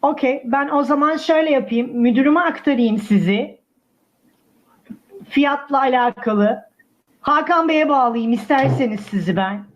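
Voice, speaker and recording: A woman acting as a female tour sales agent over the phone, high-voiced and politely stubborn. She uses formal service patter on a muffled line. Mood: polite, insistent. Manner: formal customer-service patter with hesitant pauses. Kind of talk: prank call role-play. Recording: muffled phone call audio.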